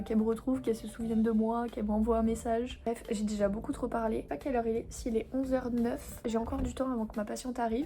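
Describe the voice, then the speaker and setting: A young woman from Réunion talks casually to her vlog audience about her workday as an osteopath. Her voice sits a little high, she fills her talk with fillers, and at times she drops into a soft whisper. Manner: chatty, quick, lots of fillers, shifting between soft whispers and louder talk. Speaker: osteopath vlogger.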